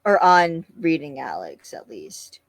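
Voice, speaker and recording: A woman's voice: sits low, very animated, takes it slowly, creaky, no room sound. A woman co-hosting a casual podcast, retelling a TV episode and acting out characters' lines. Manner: retells scenes, acts out lines. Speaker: podcast co-host. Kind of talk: casual episode recap chat.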